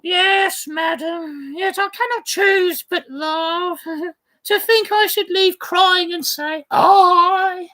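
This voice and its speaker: Lady putting on a giggly old nurse who rambles on and on, real high voice, takes her time. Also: slow pace, pushed and bright, full character voice. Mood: giggling. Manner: rambling, giggling, wandering memories. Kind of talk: theatrical play reading.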